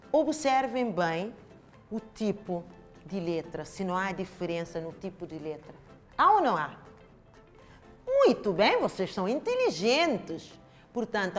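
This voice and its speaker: Woman teacher with a European Portuguese accent, lively sing-song pitch, spells out syllables slowly for young kids. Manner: slow, drawn-out syllables with exaggerated emphasis for young children. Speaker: primary school teacher. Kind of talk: televised home-learning lesson.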